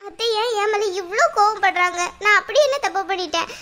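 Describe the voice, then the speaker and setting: A woman's voice: very high voice, fast, bright, forceful tone. A woman voicing a kind young sister-in-law who reasons and reassures in a cartoon. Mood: reasoning. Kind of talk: cartoon voice acting.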